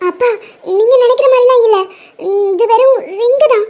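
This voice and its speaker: In a cartoon drama, a woman plays a headstrong young daughter who argues back in a very high, girlish voice. She talks quickly and turns pleading and insistent. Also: warm tone, muffled recording. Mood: defiant. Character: young college daughter, stubborn and defiant. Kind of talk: Tamil cartoon dub.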